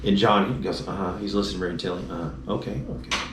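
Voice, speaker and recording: A low-pitched man from the Dallas-Fort Worth area of Texas talks fast as he casually recounts his motorcycle crash and the trip home. He's an animated storyteller who acts out the voices of people in the story. The room is roomy and echoey, with faint noise.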